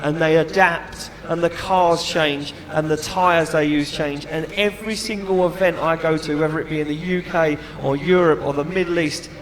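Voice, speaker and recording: A man's voice: on the high side, steady tone, moderate pace, few pauses. A middle-aged man doing live motorsport commentary and chat, emphatic and enthusiastic, repeating phrases for effect. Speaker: motorsport event commentator and announcer. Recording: crowd noise behind trackside commentary. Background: event crowd.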